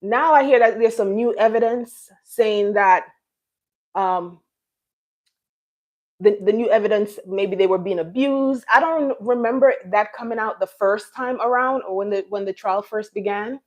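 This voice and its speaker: A woman's voice: mid-range voice, unhurried, a little mellow. A middle-aged woman from Jamaica hosting a casual live chat, rambling and restarting her sentences as she talks to viewers. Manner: chatty, rambling, many restarts and fillers. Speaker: live stream host.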